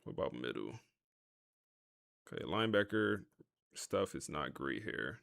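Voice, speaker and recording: Animated, laid-back male gaming streamer. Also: low-pitched, unhurried, gravelly, no room sound, studio quality. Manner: laid-back, chatty, talks to viewers and laughs at the game. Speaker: gaming livestream host. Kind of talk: casual live-stream commentary.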